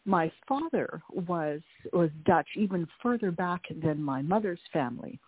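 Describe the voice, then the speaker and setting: Speaking as a guest in a phone interview over a tinny line, a middle-aged Canadian author shares her family story, often repeating words as memories surface. Her voice is lowish and breathy-edged, with lively intonation and a measured pace.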